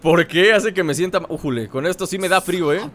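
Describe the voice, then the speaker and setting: A man's voice: sits high, fast, slight background noise. A man giving let's-play commentary, playfully teasing enemies with mock insults. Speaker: gameplay commentator. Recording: loud game music behind the voice. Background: game music and sounds.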